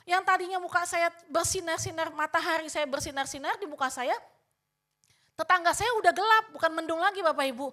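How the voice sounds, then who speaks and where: A woman's voice: very high-pitched, a little fast, sharp tone. An older woman pastor preaching a sermon, telling a personal story and often addressing the congregation, acting out her own past remarks.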